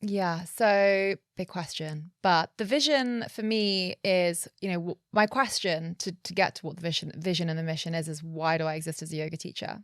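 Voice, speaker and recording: A woman's voice: lowish voice, normal speed, few pauses, dry recording. A woman yoga teacher, guest on a podcast, explaining her ideas in long, earnest, flowing runs. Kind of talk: conversational interview, explaining.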